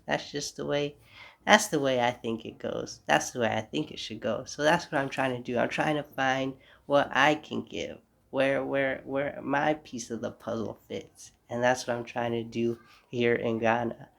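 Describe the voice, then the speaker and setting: A young man hosts a casual solo podcast from a room at home, stuffy with a cold, rambling reflectively and tossing in apologetic asides. His mid-range voice is steady, fairly bright and creaky, moving at a normal speed.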